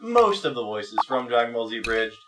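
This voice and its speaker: This let's player has a mid-range voice and sounds very animated and a little fast, captured far from the mic over a noisy background and music. He gives profane, self-deprecating, rambling gameplay commentary, exclaiming at the game mid-sentence.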